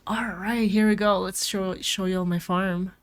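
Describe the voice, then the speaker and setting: At normal speed and with fairly even intonation, a mid-range female voice delivers laid-back commentary on a farming game. The streamer is sick with a cold and talks to her viewers over faint game music.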